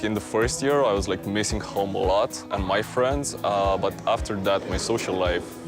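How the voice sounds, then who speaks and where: A man's voice: on the low side, moderate pace, over music. A male student from Romania talking casually in a video testimonial, often saying "like". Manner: casual, lots of "like".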